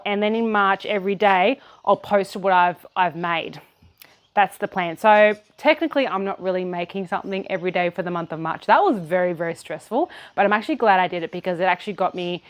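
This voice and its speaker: A woman with an Australian accent talking casually in a vlog, rambling a little as she thinks aloud. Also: medium pitch. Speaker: potter and studio vlogger.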